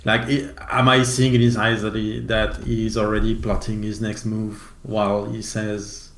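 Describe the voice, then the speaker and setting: A man at a tabletop game who talks very slowly in a low voice. His remarks come out dry and deadpan. The room around him is echoey. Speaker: player. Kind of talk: casual tabletop game chat.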